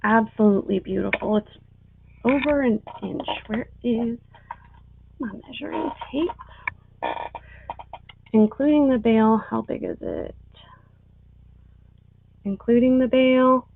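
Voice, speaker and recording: A tinny, phone-like recording of a woman auctioneer running a live online sale. Her voice is fairly high and she takes her time, talking through items and calling bids at a very unhurried pace. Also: very animated, creaky, slight background noise.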